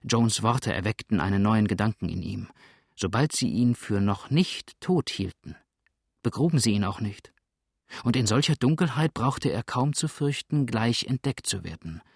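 A man narrating an adventure novel in a steady, measured reading voice. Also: on the low side, gravelly, husky, dry recording, clean studio sound. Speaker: audiobook narrator. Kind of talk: scripted narration.

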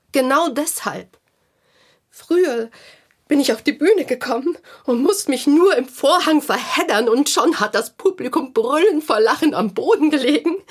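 A woman's voice: high-pitched, husky, exaggerated voice. An actress playing a grumpy, gloomy female clown in a children's radio play, talking in a sulky, self-pitying way.

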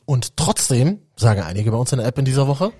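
A man's voice: mid-range voice, very animated, quick pace, warm tone, breathy edge. A man hosting a podcast, posing questions to his guests and handing over to callers. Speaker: podcast host. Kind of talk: podcast moderation.

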